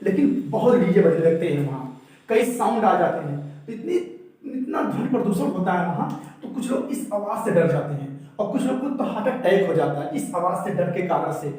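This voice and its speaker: A high-pitched man teaches a vocabulary lesson in a strongly echoing room. He explains each word, then asks the viewer to repeat it back. He sits well away from the mic. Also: sing-song, normal speed, mellow. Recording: echoey room, mic far off.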